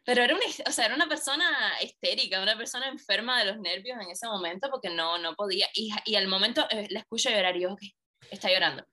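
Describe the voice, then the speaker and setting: A woman's voice: mid-range voice, quick pace. A woman guest, telling a personal story in conversation and acting out the dialogue. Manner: animated, acts out quoted dialogue. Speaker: interview guest.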